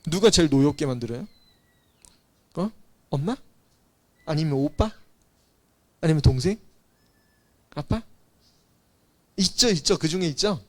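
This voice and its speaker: A man's voice: fairly high pitch, expressive, unhurried, long pauses. A male pastor giving a casual sermon, asking the congregation questions and teasingly calling on children by name. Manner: asks the listeners questions and calls on children by name; chatty, teasing.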